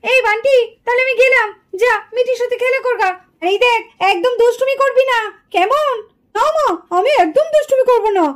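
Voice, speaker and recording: Woman playing a hurried neighbor mother. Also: very high-pitched, fairly bright tone, voice pushed up. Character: busy young neighbor mother.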